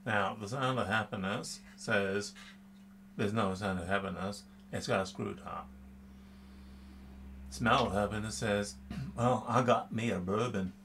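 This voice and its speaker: An older man puts on an exaggerated, fake Southern accent for a playful tasting vlog. His drawl is hammy and sits a little low in pitch. It is a homemade recording with a faint hum. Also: a little slow, gravelly, a bit bright. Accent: fake, exaggerated Southern US, put on. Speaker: vlog host, drinks reviewer. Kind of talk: playful to-camera bourbon tasting in a put-on accent. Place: small room with bottle shelves, indoors.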